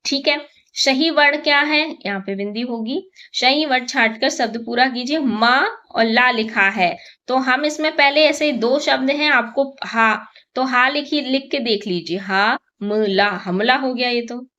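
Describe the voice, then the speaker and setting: A woman teacher slowly walks through a first-grade exam paper, counting aloud and answering her own questions. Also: high-pitched, pushed and bright, muffled recording. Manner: slow, patient, counts aloud and asks questions then answers them.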